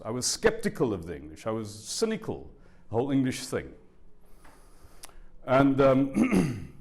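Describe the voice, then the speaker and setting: Speaking in a mid-range voice, a spiritual teacher in his sixties from South Africa, a native Afrikaans speaker, delivers a public talk in a university lecture room. He's lively and conversational with his live audience, often posing rhetorical questions.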